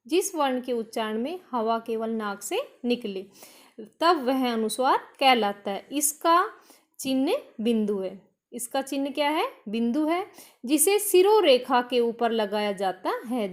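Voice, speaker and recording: Slow-talking high-voiced woman teacher. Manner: slow, explaining step by step and repeating each definition; asks a question, then answers it herself. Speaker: school teacher. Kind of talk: recorded grammar lesson.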